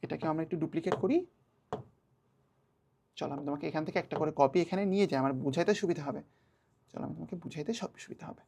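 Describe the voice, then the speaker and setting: A young woman teaching an online class to children, patient and repeating key words slowly. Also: deep voice, creaky, warm tone, slight background noise.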